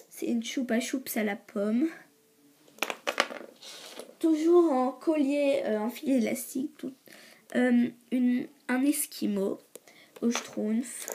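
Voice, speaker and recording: A teenage girl with a slightly hoarse voice casually shows off her clay creations, hesitating often with fillers and repeated words. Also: fairly high pitch, heavy background noise. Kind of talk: casual show-and-tell.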